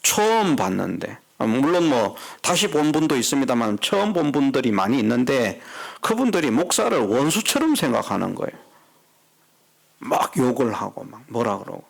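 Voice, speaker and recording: A man's voice: medium pitch, very animated, normal speed, vocal fry. A middle-aged man preaching a sermon as pastor in a church, talking conversationally and putting questions to the congregation. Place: church sanctuary.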